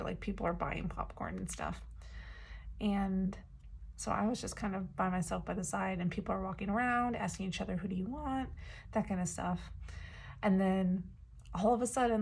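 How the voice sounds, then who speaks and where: A woman talks straight to her viewers in a loose, rambling vlog style and keeps dropping "um" and "like". Her voice has a gravelly fry with a husky edge. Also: mid-range voice. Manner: chatty, rambling, many fillers and "like". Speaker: vlogger. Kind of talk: casual vlog storytelling.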